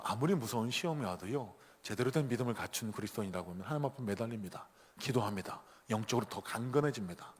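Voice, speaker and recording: A man's voice: medium pitch, breathy edge. A man preaching a sermon as a pastor, telling stories with animation and rising to emphatic peaks. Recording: echoey church hall.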